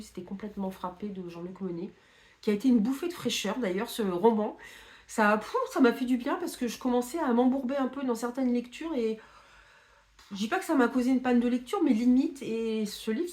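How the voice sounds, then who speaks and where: A woman's voice: a little high, darkish tone. A woman chatting casually to camera about her reading plans, with many fillers and restarts. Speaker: book vlogger.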